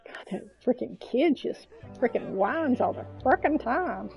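A woman's voice: on the high side, expressive, a little slow, gravelly, darkish tone, faint music behind, poor audio. A woman streaming a game, chatting casually and coaxing her game characters, with mild swearing. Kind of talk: casual gameplay commentary.

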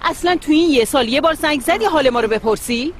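A woman's voice: high voice, animated, a little hiss or hum. A woman dubbing a middle-aged aunt who scolds and grumbles. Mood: indignant. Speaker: aunt of the household, a wife.

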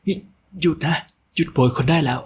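Audio-drama role: man putting on a headstrong young wife, higher voice, indignant. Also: animated, fast talker, slight background noise, natural voice. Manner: indignant, defiant. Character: stubborn young noble wife standing up for herself.

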